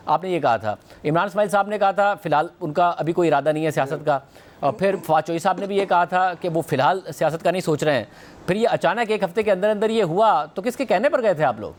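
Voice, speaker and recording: A male news anchor with a Pakistani Urdu accent, asking a guest pointed questions and pressing him on his answers in a studio interview. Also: sits high.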